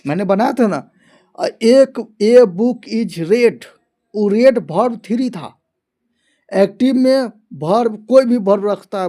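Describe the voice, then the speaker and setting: Slow, patient male grammar teacher. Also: high voice, dark tone. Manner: repeats each point several times and spells out example sentences slowly. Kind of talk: explanatory online lesson.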